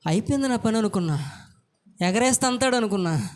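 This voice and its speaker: A man with a high voice preaches from his own life. He tells the story earnestly, taking on the voices of the people in it as he goes. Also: animated, quick pace, a little mellow. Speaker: pastor. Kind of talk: sermon testimony.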